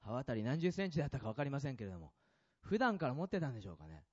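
A man preaching a sermon as a pastor, asking the congregation questions and swinging between loud and soft passages. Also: medium pitch, sing-song, rapid-fire, highs cut off.

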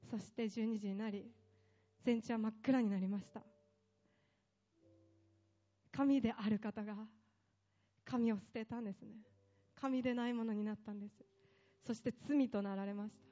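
A woman's voice: a little high, steady tone, normal speed, long pauses, mellow, highs cut off. A woman preaching a sermon with impassioned delivery, building up long emphatic lists.

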